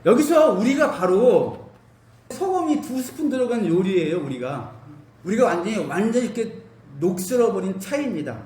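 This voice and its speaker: A male pastor giving an animated sermon, asking his congregation questions and using everyday cooking comparisons, in a church hall. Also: high voice, moderate pace. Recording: roomy hall, mic at a distance.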